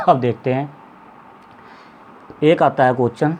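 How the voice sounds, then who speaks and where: A Hindi teacher, a man with a medium-pitched, somewhat dark voice, teaches students by drawing out vowel sounds as examples. He keeps repeating "ठीक है" to check in and coughs now and then. The lo-fi audio sounds slightly dull, with faint background noise.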